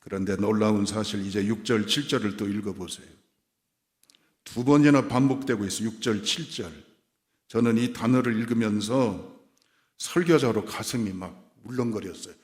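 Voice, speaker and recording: A male pastor preaching a sermon in a church, moving from quiet asides to emphatic, rising declarations. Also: fairly low pitch, normal speed. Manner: plays voices of God and congregants with dialect phrases. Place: church sanctuary. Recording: hall reverb from a church sanctuary.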